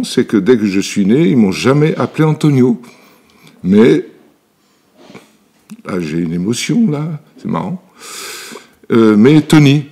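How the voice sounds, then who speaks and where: An Italian man in his seventies, his voice lowish and dark, tells his life story as an interview guest in his workshop, where he makes elixirs. His speech is hesitant, full of fillers and restarts, in a relaxed storytelling style.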